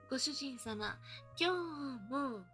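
A woman's voice: high-pitched, bright, forceful tone. A woman performing an adult roleplay as a maid, speaking in polite maid phrasing with a mocking, teasing manner and frequent giggles.

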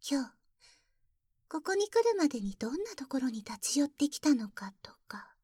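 A woman's voice: high voice, animated, unhurried, a little mellow, dry recording. A woman voicing a polite but jealous young maid in an ASMR roleplay, speaking very formally and whispering close to the ear. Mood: teasing, jealous. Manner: very formal, deferential speech with teasing jabs. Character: polite, jealous young maid who calls herself boku. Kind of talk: ASMR roleplay audio drama.

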